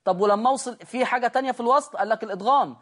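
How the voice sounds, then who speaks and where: A man with an Egyptian Arabic accent leads a lesson on Quran recitation rules. He draws each recited example out slowly and carefully, then explains in quick, chatty bursts, often turning to his students to check they are keeping up. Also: very high voice. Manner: addresses the class directly and checks they follow.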